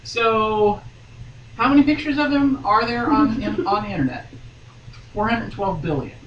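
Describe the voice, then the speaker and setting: A podcast guest, a woman with a mid-range voice, performs a romance novel aloud at normal speed, her intonation lively. Every so often she breaks away for a teasing, mock-dramatic comment. The recording sounds dull and roomy, with a distant mic and a little faint noise.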